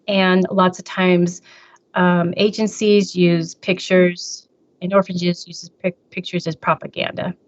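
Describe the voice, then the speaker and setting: A woman giving a slide presentation, halting with fillers and restarts, her volume rising and dropping as her mic cuts in and out. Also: fairly low pitch, no echo. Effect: uneven volume from a mic cutting in and out. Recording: dull lo-fi online call audio.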